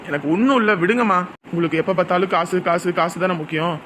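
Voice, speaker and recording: A woman's voice: lowish voice, fast talker, a bit bright, a little hiss or hum, natural voice. Woman voicing a stubborn proud son. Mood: dismissive. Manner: dismissive, brushing off concern. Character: stubborn grown son hurt, proud, leaving home.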